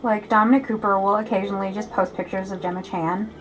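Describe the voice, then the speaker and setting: A woman's voice: medium pitch, steady tone, quick pace, slight background noise, poor audio. Chatty young woman from Ohio. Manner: chatty, swears casually, goes off on tangents. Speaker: streamer. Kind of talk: casual chat while gaming.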